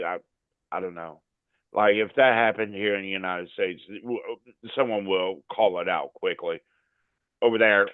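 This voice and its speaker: A man chatting casually on a video call in a slow, laid-back, slangy way. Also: low-pitched, clear, resonant tone, dry recording. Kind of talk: casual chat. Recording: tinny phone-like video call line.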